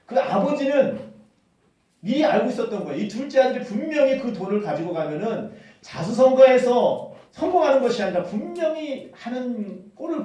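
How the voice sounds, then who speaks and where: Male pastor, sermon, animated storytelling, high lively pitch, echoey church hall from afar. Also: far from the mic. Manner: animated storytelling, acts out quotes.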